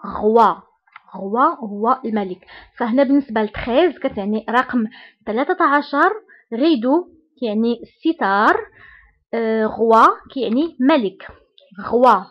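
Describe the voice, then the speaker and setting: A woman with a Moroccan Arabic accent gives a beginners' lesson in a slightly high voice. She goes slowly and says each example word twice. The recording sounds dull and lo-fi. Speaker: French teacher. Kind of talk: language lesson.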